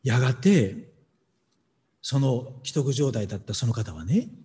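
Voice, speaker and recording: A male pastor reading scripture and preaching, emphatic and animated, with dramatic pauses. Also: mid-range voice, big-room sound.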